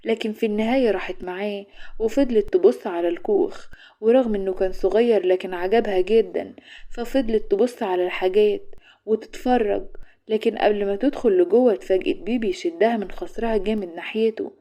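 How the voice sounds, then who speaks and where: A woman with an Egyptian accent narrating a romantic story in brisk, even storytelling. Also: medium pitch. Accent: Egyptian Arabic.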